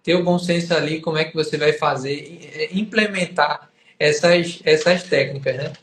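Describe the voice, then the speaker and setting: A man's voice: fairly high pitch, normal speed, a bit bright. A man hosting an interview, affirming the guest and asking follow-up questions. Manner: affirming, asks follow-ups. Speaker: podcast host. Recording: roomy echo.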